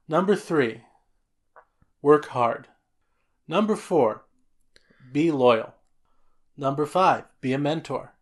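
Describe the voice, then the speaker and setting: A podcast co-host with a voice on the high side reads a listener's letter aloud, then moves into loud, jolly, casual chatter. He often stammers and starts his sentences over.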